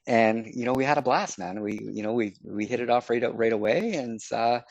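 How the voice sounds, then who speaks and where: A man's voice: mid-range voice, brisk, gravelly, no echo. A middle-aged man from Canada, a podcast guest telling stories in a chatty way and acting out his own past remarks. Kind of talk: casual storytelling.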